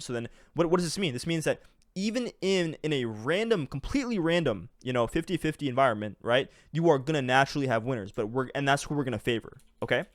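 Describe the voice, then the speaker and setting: A young man explaining trading math over a screen share, casual and excitable, full of fillers, restarts and "right?" and "okay?" tags. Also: mid-range voice, no echo, studio quality. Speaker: trading educator.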